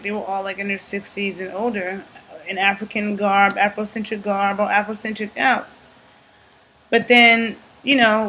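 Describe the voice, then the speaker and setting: A woman giving an earnest, emphatic talk to camera about food, often checking in with "okay?" and pausing to think aloud. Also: medium pitch, pushed and bright, a little hiss or hum, low-quality recording. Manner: thinks aloud with fillers and restarts. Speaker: YouTube commentator. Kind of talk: casual talking-to-camera commentary.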